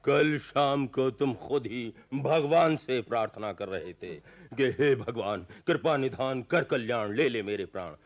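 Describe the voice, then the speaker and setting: A man's voice: mid-range voice, expressive, unhurried. A man playing a solemn, mocking male messenger of death in a radio comedy play, lordly and chuckling. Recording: dull radio recording.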